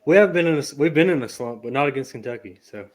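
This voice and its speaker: A man's voice: medium pitch, lively intonation, fast talker. Laid-back man co-hosting sports chat. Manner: laughs along, brief prompts. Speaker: co-host.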